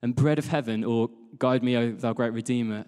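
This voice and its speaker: Standing before a congregation in a large church hall, a British man leads an informal, jokey sermon as worship leader and asks his listeners questions. His mid-range, darkish voice stays steady and brisk, captured live with plenty of hall reverb.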